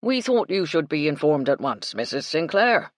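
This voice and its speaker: A woman's voice: low-pitched, sing-song, normal speed, no room sound, studio quality. A woman narrator voicing a pompous, officious male village constable in an audiobook.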